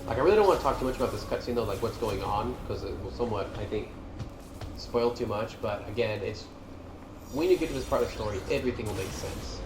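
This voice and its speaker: This gaming creator talks quickly and animatedly in a lowish register, reacting like an eager fan to the cutscenes in a relaxed, informal way. His audio carries a roomy echo, with the game's cutscene music running underneath.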